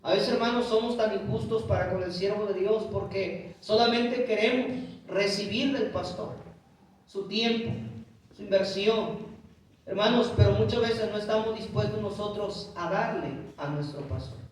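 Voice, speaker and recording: A guest pastor, a man with a high voice, preaches emphatically and keeps calling his congregation brothers. He is picked up from a distance, with heavy echo and faint room noise around him. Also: normal speed. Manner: emphatic preaching, often addressing listeners as brothers. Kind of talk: sermon. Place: church hall.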